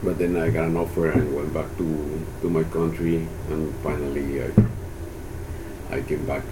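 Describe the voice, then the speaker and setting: A man in his sixties from Peru, a Spanish speaker answering oral history questions about his life in a halting way with many restarts. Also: rumbling low. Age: 60s. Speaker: interviewee, university economist. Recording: steady background hiss.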